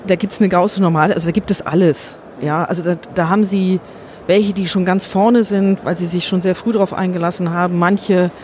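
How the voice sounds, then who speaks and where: A woman's voice: on the low side, a little mellow. Reflective woman, faint traffic behind. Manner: measured, reflective, self-correcting mid-sentence; earnest and optimistic. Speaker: interview guest. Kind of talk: thoughtful conversational interview answers.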